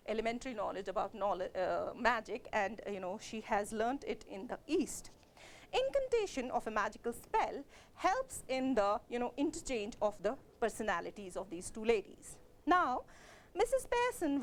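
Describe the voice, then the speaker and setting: Speaking on the high side, a woman with a Kashmiri accent teaches literature at a college. Her explanations are steady but full of fillers and corrections of herself.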